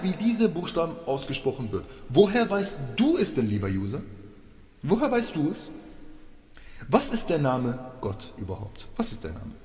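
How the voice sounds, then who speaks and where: Lecturing man in an echoey room. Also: on the high side. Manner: lecturing, rhetorical questions, repeats lines. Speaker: religious video commentator. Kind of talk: polemical monologue. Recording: echoey room with long reverb.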